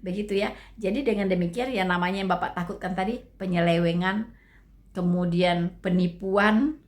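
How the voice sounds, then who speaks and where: A woman with a lowish voice and a moderate pace offers casual commentary to her viewers. She's chatty, talks to them like friends, and lets her sentences trail off into fillers.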